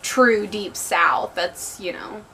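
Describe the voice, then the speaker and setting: A woman's voice: mid-range voice, slow pace, pushed and bright, a little hiss or hum, poor audio. A tipsy woman giving a casual book review, rambling a little and repeating herself for emphasis. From southern United States. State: tipsy from drinking. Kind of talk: casual spoiler-free book review chat.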